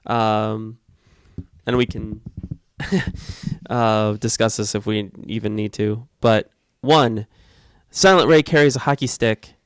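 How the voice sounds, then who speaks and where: Rambling casual man, clear dry voice. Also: fairly low pitch, steady tone, takes it slowly, no echo. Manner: loose, rambling, with fillers and mild swearing. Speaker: co-host. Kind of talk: casual discussion of book versus film.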